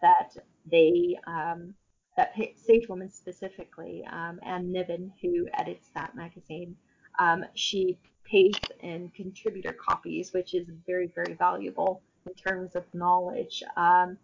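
A woman speaking as an interview guest, explaining her own practice casually in halting, thoughtful phrases. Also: lowish voice, flat delivery, vocal fry, highs cut off, slight background noise.

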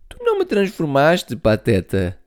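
A man voicing a clingy little girl mouse, the copycat younger sister, in a squeaky pleading voice. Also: sing-song, slow, mellow, heavily acted. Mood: teasing.

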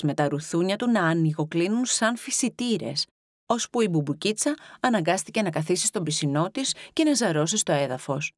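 A woman reads an animal storybook aloud in a low, steady voice. She is expressive and gives each farmyard creature its own voice. The sound is dry and close, with no room around it. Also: no room sound. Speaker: audiobook narrator. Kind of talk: storybook reading.

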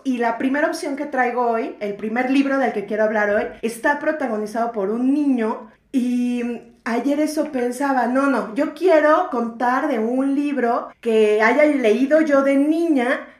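Slangy, chatty Mexican woman with a high voice. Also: unhurried, hardly any pauses, roomy sound. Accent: Mexican Spanish. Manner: chatty, slangy and laughing often. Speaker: podcast co-host. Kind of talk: casual chat about books.

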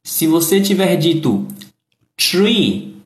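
A man's voice: fairly high pitch, animated, takes it slowly. A man with a Brazilian accent teaching English phrases and pronunciation in a live online lesson, explaining patiently step by step. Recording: echoey room.

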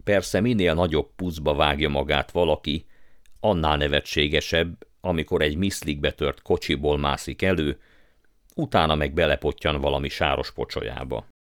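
A man reading a story aloud as narrator, in measured storytelling manner. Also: extremely low pitch, no echo, studio quality. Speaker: audiobook narrator. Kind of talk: scripted narration.

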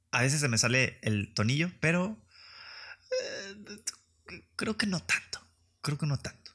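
Podcast host, young Mexican man, mid pitch, slangy comic storyteller who acts out the people in his stories. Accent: Mexican Spanish. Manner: slangy, profane, animated storytelling with put-on voices. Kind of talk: casual comedic monologue.

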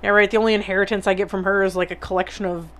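Young woman host, loose chat, quick asides and lots of laughs. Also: medium pitch, flat delivery. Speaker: podcast host. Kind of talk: casual chat.

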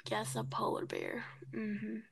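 Young woman, slow drawl, sassy, whispers sometimes, podcast banter. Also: mid-range voice, wildly swooping pitch, gravelly, crowd noise. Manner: sassy, drops into whispers, giggly. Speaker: podcast co-host. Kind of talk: casual chat.

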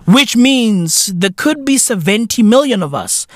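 Loud, rambling man. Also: high-pitched, big pitch swings, measured pace, no room sound, studio quality. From South Africa. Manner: loud, rambling, laughing, heavy slang. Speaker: podcast host. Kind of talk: profane comedic monologue.

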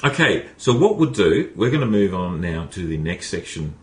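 A man's voice: low voice, big pitch swings, normal speed. A man hosting a casual podcast, rambling with lots of restarts and fillers. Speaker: podcast host. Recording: echoey room, faint ambience.

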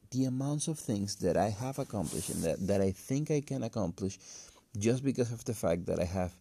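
Low, creaky, cracking-voiced man, non-native English. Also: mellow, dry recording. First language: not English. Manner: halting, hesitant, thinking aloud. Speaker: podcast host. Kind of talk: casual solo podcast monologue. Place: empty room. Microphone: phone.

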